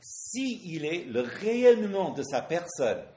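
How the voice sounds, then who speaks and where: A man preaching a sermon in French, pausing often for an interpreter and asking rhetorical questions. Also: high voice, very animated, warm tone, roomy sound.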